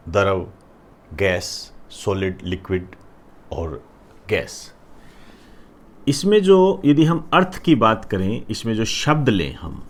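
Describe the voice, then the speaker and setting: A man giving a classroom lecture, explaining terms step by step and often checking in with "clear?". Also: lowish voice, slight background noise. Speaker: teacher.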